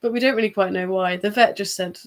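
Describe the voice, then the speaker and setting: A woman's voice: mid-range voice, fairly even intonation, fast talker. A woman co-hosting a livestream in casual chat, chatty and giggly, often trailing off with fillers. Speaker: livestream co-host.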